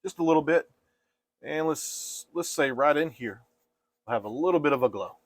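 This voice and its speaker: A man teaching painting step by step in a casual, gentle and reassuring way, like an easygoing instructor. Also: on the high side, animated, moderate pace, dry recording.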